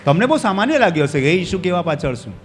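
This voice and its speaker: A male pastor preaching a sermon in a church hall, his voice often swelling loud with fervor. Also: high voice, sing-song, rapid-fire. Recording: long hall reverb, faint music behind.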